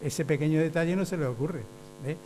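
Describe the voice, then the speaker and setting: A man's voice: a little high, fairly quick, warm tone. Man lecturing in a reverberant hall. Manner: explanatory, often asks "¿ve?", acts out quoted voices. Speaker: teacher trainer. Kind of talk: lecture to teachers. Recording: hum with long hall reverb.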